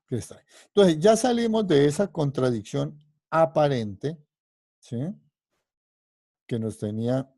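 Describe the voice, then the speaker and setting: A male physics professor giving a university lecture, his voice pitched a little high yet warm and mellow. He walks through the reasoning patiently, keeps asking his students whether they follow, and rephrases himself as he goes. The sound is dry, with no room echo. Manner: explanatory, constantly checking understanding with questions; rephrases and restarts mid-sentence while thinking aloud.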